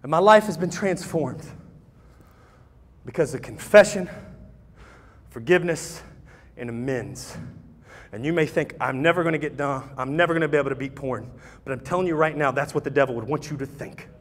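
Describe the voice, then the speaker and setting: A man giving an impassioned personal testimony at a church, repeating phrases and building to shouts. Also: on the high side, moderate pace. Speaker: guest speaker at church recovery ministry. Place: church sanctuary. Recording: long church hall reverb.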